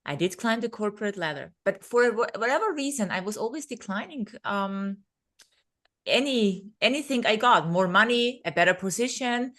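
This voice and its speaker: A Serbian-born speaker and coach from Vienna, Austria, in her thirties, recounts personal stories as a podcast guest in a conversational style. Her voice has a medium pitch and a fairly bright tone.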